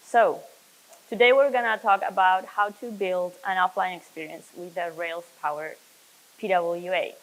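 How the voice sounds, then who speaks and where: A young Chilean woman, a software developer, gives a technical conference talk in an earnest, explanatory way, with frequent fillers and self-corrections. Her voice is on the low side with fairly even intonation and a moderate pace. The recording is rough.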